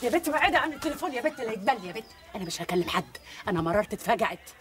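A sharp-tongued, worn-out Egyptian mother in a film. Her voice sits high, swings widely and scolds at a fast clip. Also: very animated. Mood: scolding. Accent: Egyptian Arabic. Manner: scolding, lamenting. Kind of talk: film acting.

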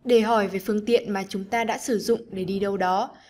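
A woman teacher narrating an online lesson for children, gentle and encouraging as she speaks to the pupils. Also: medium pitch, fairly even intonation, brisk, slight background noise.

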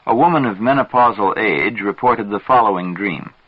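A man with a low, husky voice reads aloud from a psychology book, taking each sentence in a measured, deliberate way. The recording is dull and lo-fi, with a dry sound and no room echo. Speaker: reader. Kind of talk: scripted narration of a psychology book.

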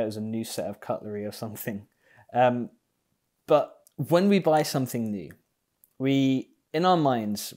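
With a mid-range, darkish voice, a young man preaches online from a small indoor room at home. He is a pastor speaking through an earphone mic toward the camera, unhurried and reflective, with plenty of ums.

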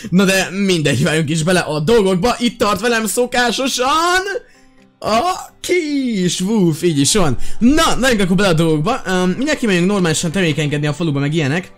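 A man chatting excitedly through his gameplay, his voice fairly high and swinging all over the place. He talks straight to his viewers in a quick, chatty flow, with faint music playing underneath. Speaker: gaming video host.

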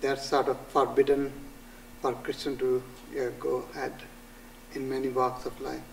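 An older man with a Pakistani accent answers interview questions in an earnest, halting way, stopping often on "uh" as he quotes sources. His pitch sits in the middle for a man. He is a little distant from the camera mic in a small studio room. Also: monotone, creaky, slight background noise. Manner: earnest, halting with frequent "uh" pauses, quoting scripture. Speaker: pastor, guest.

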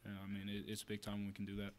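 A young man, a college linebacker, answering post-game questions quickly, saying "I mean" often. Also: on the low side, heavy background noise. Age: young adult. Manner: quick, flat, peppered with "I mean". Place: press room with logo backdrop. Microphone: table mic.

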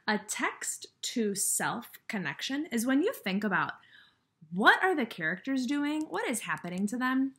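A woman at medium pitch, a bit bright with a breathy edge, gives a read-aloud lesson as a kindergarten teacher. She instructs and asks questions straight to the children from an indoor spot by a window, against a brick wall.

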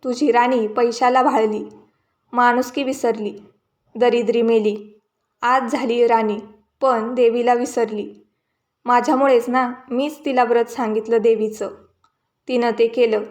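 A woman's voice: fairly high pitch, fairly even intonation, a little slow, pauses often, darkish tone, lightly acted. A woman voicing a poor, angry old woman who bitterly scolds a proud queen in a folk tale. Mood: bitter reproach. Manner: bitter, reproachful.

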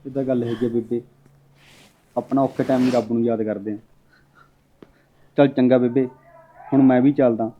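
A man's voice: mid-range voice, steady tone, moderate pace, pauses often, muffled recording, a little hiss or hum, lightly acted. An actor playing a worried young husband who earnestly reassures an older woman. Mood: resigned. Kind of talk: village drama acting.

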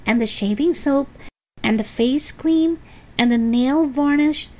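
A woman doing a small, soft-spoken boy. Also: high voice, measured pace, voice pushed up. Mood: careful. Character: small calm-voiced boy.

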